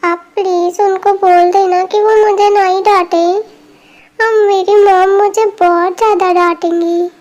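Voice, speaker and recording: Woman voicing a pouty little girl, stubborn, slow childish speech, very high voice. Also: fairly even intonation, a little mellow. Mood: pleading. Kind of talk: amateur Hindi fan dub.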